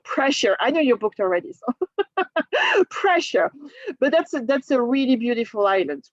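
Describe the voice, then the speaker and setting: A woman's voice: fairly high pitch, animated, normal speed, a little mellow, dry recording, lo-fi sound, faint music behind. A woman with a French accent, a native French speaker from France, chatting through a cruise presentation, laughing often and restarting her words. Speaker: travel agent presenting a cruise. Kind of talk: casual presentation to a group.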